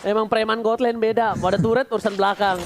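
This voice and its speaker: An Indonesian-accented man doing live esports play-by-play, excitable and playful, mixing in English catchphrases. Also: sits high, quick pace, a crowd in the background. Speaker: esports shoutcaster. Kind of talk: live play-by-play game commentary. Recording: loud game music behind. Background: loud game music.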